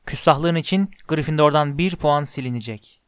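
A man voicing a cold, sneering middle-aged potions master in an audiobook, speaking in a low, quiet, contemptuous drawl. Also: normal speed, smooth, dry recording, studio quality, close to an everyday voice. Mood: scornful. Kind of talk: audiobook character reading.

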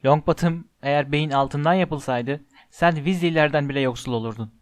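A man reads a spiteful schoolboy bully with a mocking, taunting edge in a slightly high voice. The audiobook sound is close and dry. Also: normal speed, no echo, lightly acted. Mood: sneering. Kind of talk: audiobook character voice.

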